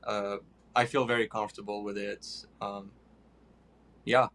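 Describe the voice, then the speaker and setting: Hesitant low-voiced male pianist. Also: little pitch movement, measured pace, fairly bright tone. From Iraq. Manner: hesitant, many fillers. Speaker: guest pianist. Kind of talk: interview answers.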